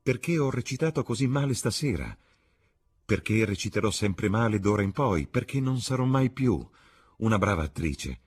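A man's voice: lowish voice, animated, normal speed, husky, pitched above the performer's own voice. A man reading an audiobook, voicing a young actress who pours out her love in an exalted, pleading way. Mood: tender. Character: young actress woman, rapturous, lovestruck.

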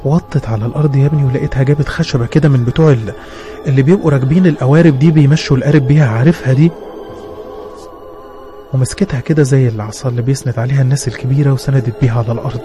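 A man with an Egyptian accent telling a horror story in a dramatic, animated way, sometimes stumbling over his words. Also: medium pitch, rapid-fire, soft background music.

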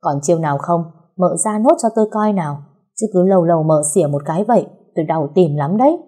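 A woman voicing a gruff exasperated young husband. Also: on the low side, animated, quick pace, dark tone.

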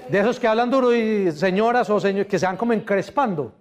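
A man speaking at a live customer service seminar, his pitch a little higher than most men's. He talks in an animated way and keeps asking the audience questions. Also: fairly quick. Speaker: motivational speaker.

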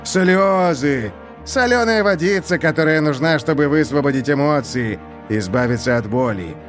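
A man's voice: fairly high pitch, expressive, moderate pace, soft background music, voice pushed up, natural voice. A man voicing a scheming, mocking male prison warden who gloats in a theatrical, mock-polite way.

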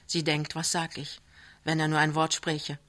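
A woman reading a novel aloud at a live soirée, slow, hushed and measured. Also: sits low, completely flat delivery. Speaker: audiobook reader. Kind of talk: literary reading.

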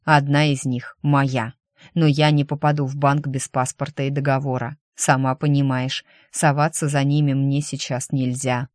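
A narrator reading the lines of a calm, persuasive young man in an audiobook, low and earnest. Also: moderate pace, no echo, studio quality, natural voice. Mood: explaining.

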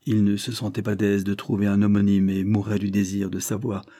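A man reading a smooth-talking con man. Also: fairly low pitch, completely flat delivery, brisk, mellow, no echo, studio quality, lightly acted. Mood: persuasive. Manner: earnest, persuasive storytelling.

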